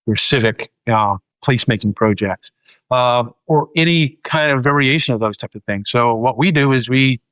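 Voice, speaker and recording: A man's voice: mid-range voice, normal speed, a bit bright, clean tone, no room sound, rough recording. New man, dry close sound. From New Zealand. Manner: loose, searching delivery with many ums. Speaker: documentary filmmaker and guest. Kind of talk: casual interview conversation.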